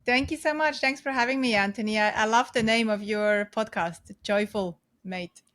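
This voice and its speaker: A woman in her forties with a Swiss accent, a podcast guest chatting lively about her life with frequent laughs. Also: fairly high pitch, moderate pace. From Switzerland. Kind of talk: casual interview storytelling.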